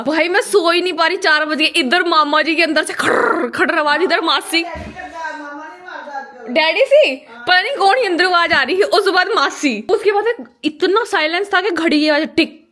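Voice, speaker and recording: High-voiced chatty woman vlogger. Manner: animated storytelling, repeats words. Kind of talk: casual family vlog chat. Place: family home, indoors.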